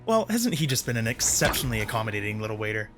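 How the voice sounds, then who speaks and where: A man's voice: fairly low pitch, very animated, rapid-fire. A man giving casual, sarcastic commentary while playing a video game. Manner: sarcastic, chatty. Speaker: gameplay commentator. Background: faint game music.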